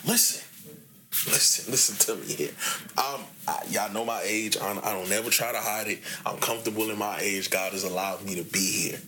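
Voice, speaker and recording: A man in his late twenties hosting a casual sports podcast, animated and talkative, his voice jumping up when he gets excited. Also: lowish voice, moderate pace, a little hiss or hum. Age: 20s. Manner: animated, rises to near shouting when excited. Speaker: podcast host.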